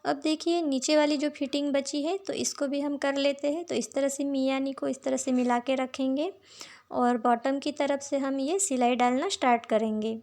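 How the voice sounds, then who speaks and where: A woman with a sore throat, calmly walking viewers through a sewing tutorial step by step. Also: high-pitched, normal speed. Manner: patient, repeats "dekhiye" while showing each step. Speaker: sewing teacher.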